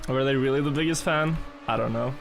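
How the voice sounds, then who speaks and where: A man's voice: medium pitch, a little fast, vocal fry, soft background music. A man streaming a game, telling rambling stories in casual chat and chuckling now and then. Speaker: gaming streamer.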